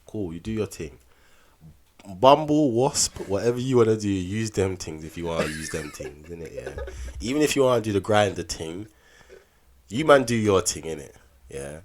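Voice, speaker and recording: A man's voice: low-pitched, lively intonation, moderate pace. A man with a London accent and slangy roadman speech, bluntly giving his opinions in casual podcast banter. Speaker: podcast host.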